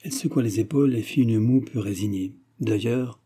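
A man narrating a classic novel in a measured, even storytelling manner. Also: fairly low pitch, slightly rough. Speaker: audiobook narrator. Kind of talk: scripted literary narration.

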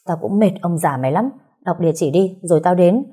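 A woman's voice: on the low side, animated, fairly quick, warm tone, breathy edge. A woman voicing a blunt, scheming young woman friend who talks curtly in a storybook.

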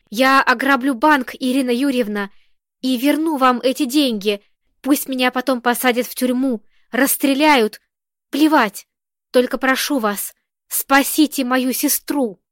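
A woman's voice: high-pitched, a little slow, a bit bright, no echo, studio quality. A woman reading the part of a desperate, pleading man in an audiobook, her voice raised and emotional. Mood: begging. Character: desperate pleading middle-aged man, hostage-taker.

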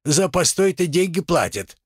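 A man's voice: fairly high pitch, very animated, moderate pace, husky, no room sound, clean studio sound. A man reading a play aloud, voicing a merchant's young son who speaks plainly and grumbles a little. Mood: grumbling.

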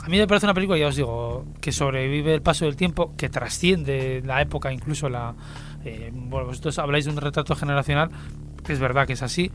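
A man's voice: mid-range voice, fast, a bit bright, faint music behind. A man with an accent from Spain chatting casually about films as a podcast panellist. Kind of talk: casual film discussion.

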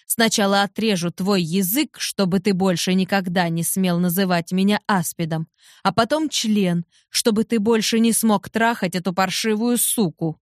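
A woman reading aloud gives voice to a young heroine in a storybook, wrung out and tearful yet defiant. Her delivery is intense and emotional at a natural mid pitch. The recording is close and dry. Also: moderate pace, no echo, natural voice. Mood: cold fury.

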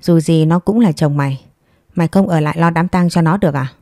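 Woman voicing a hoarse, spiteful old mother-in-law. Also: sits low, no echo, clean studio sound, close to an everyday voice. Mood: furious. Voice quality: hoarse, thick voice. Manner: scolding, fast and loud.

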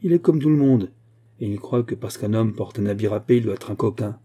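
A man voicing a bitter, ragged vagabond who speaks curtly and defiantly in a dark, husky voice. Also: lowish voice, brisk. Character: bitter, ragged male vagabond, hard and resolute.

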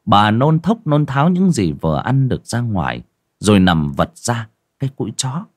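A man's voice: mid-range voice, big pitch swings, moderate pace, dry recording, studio quality. A man reading a horror story aloud in a dramatic, suspenseful narration style. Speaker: audiobook narrator.

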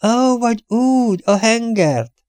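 A man playing an eager young soldier, high and dutiful. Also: expressive, a little mellow, no room sound. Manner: earnest, dutiful replies. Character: eager young male soldier, politely insistent.

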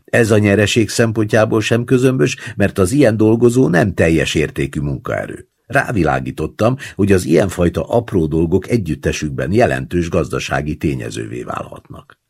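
A man reading a short story aloud in the first person, telling it in a measured, wry way. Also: low-pitched, animated, gravelly, darkish tone, slightly rough. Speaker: audiobook narrator.

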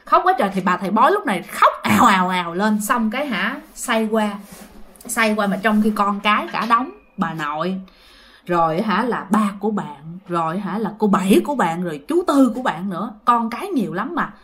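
Animated woman storyteller. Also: mid-range voice, brisk, a little hiss or hum. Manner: animated, expressive retelling. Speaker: storyteller, channel host. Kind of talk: ghost story narration.

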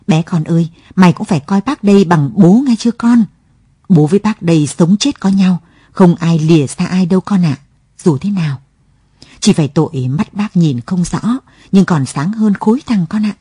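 A woman's voice: lowish voice, normal speed, dark tone, husky, no room sound, clean studio sound. A woman voicing an eager, half-blind male friend who hurries the young mother along, in a read-aloud story. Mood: urgent. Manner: urgent, coaxing.

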